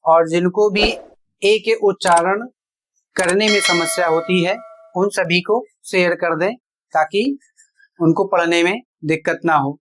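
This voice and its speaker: Unhurried classroom voice at a mid pitch; a teacher who spells out each rule and repeats every example. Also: steady tone, background noise. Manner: deliberate, repeats rules and examples step by step. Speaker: English pronunciation teacher. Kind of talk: slow explanatory online lesson.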